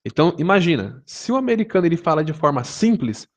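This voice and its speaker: A man's voice: on the high side, very animated, fast. A man teaching English online in a casual, conversational way, full of fillers and rhetorical questions. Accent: Brazilian Portuguese. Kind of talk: online video lesson.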